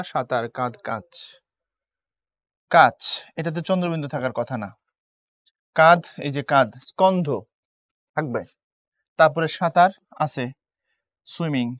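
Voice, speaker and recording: On a dry recording, a man with a higher-pitched voice and a Bangladeshi accent teaches Bengali grammar for admission test coaching. He goes step by step, mixes in English words, and keeps checking that students follow by asking "বুঝছো?".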